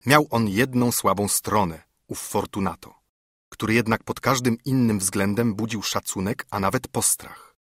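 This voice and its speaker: A man narrating an audiobook in a measured, formal way. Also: on the low side, husky, no room sound, clean studio sound.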